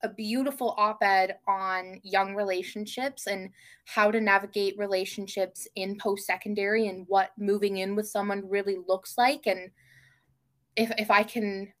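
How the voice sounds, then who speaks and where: A woman's voice: mid-range voice, fairly even intonation, unhurried. A young adult woman chatting as a podcast guest, enthusiastic and hesitant, with many ums and restarts. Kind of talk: casual podcast chat.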